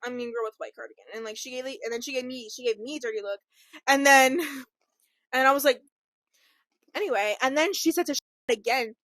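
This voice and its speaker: A young woman with a high, bright voice chats casually as a podcast co-host, giggling constantly as she rambles through a story. Her speech is full of fillers and loose restarts. The recording is dry and close, with no room sound. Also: a little fast, long pauses, dry recording. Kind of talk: casual chat.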